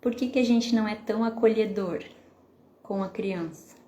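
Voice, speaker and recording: A woman therapist with a Brazilian Portuguese accent, hosting a live stream. She explains calmly and keeps checking in with the viewers with questions. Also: medium pitch, normal speed, echoey room. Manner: explanatory, asks the audience questions, frequent "né?".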